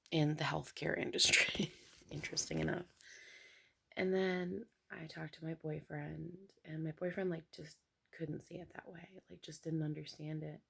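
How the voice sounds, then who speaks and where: A young woman talking quietly to her viewers at home in the early morning, half whispering and rambling with many fillers. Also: deep voice, gravelly. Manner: hushed, half whispering so as not to wake someone. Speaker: vlogger. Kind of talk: casual hushed chat to camera.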